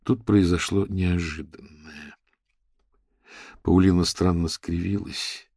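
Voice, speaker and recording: A man reading an audiobook, expressive and lively, with a gravelly, husky voice. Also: deep voice, takes it slowly, no echo, clean studio sound. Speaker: audiobook narrator. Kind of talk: scripted narration.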